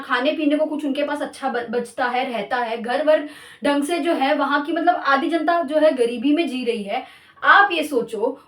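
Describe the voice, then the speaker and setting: A woman's voice: high voice, fairly bright tone, echoey room, distant mic. A woman teacher giving a recorded history lesson, explaining patiently and often checking in with "ठीक है". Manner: explains slowly, repeating points with "ठीक है".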